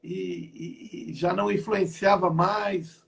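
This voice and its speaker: He's an older Brazilian pastor and apostle from the south, giving his testimony via online interview at home. He talks slowly with a steady tone, his high voice creaky and a bit bright, and he keeps repeating and restarting phrases.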